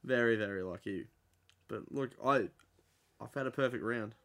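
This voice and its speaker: A man's voice: mid-range voice, moderate pace, a bit bright. An Australian man co-hosting a podcast, bantering casually with a friend in a blokey, sweary, teasing way. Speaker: podcast co-host.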